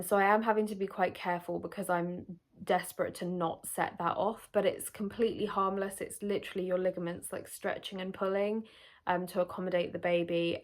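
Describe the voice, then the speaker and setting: A young British woman vlogger talking casually to camera in a candid, explanatory, conversational way. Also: medium pitch. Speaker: vlogger answering pregnancy questions.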